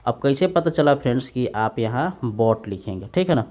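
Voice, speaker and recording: A man teaching English translation to exam students in Hindi, dictating sentences slowly and often asking "right, friends?". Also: mid-range voice, lively intonation, a little mellow. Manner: repeats tag questions to students. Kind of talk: Hindi-English grammar lesson.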